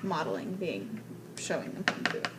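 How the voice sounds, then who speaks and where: A woman's voice: low-pitched, big pitch swings, fairly quick, very noisy. A woman working as an instructional coach. She talks through a lesson with a teacher one-on-one, giving direct instructions, filling her speech with "like" and affirming with "mm-hmm".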